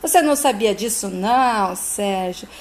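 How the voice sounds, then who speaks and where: A woman voicing an unhinged, jealous wife in a retold soap opera scene, in shouted, pleading outbursts. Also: medium pitch, expressive, unhurried, lightly acted. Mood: frantic.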